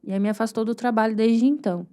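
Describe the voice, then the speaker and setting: Her voice fairly high, dark yet clear and resonant, with fairly even intonation, a young Brazilian guest gives a heartfelt testimony. She has a Brazilian Portuguese accent and relives painful memories vividly, her earnest account broken by pauses and repetitions.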